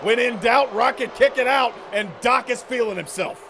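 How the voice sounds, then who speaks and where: A man's voice: extremely high pitch, normal speed, vocal fry, a crowd in the background. A man calling wrestling play-by-play in a dramatic, exclamatory style of match commentary.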